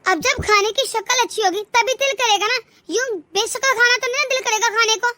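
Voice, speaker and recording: A spoiled young married daughter from a cartoon family story, voiced by a woman. She taunts and whines in a very high, bright voice. The recording is close and dry. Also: fairly quick, no echo. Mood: taunting. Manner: taunting, whiny. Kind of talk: cartoon voice acting.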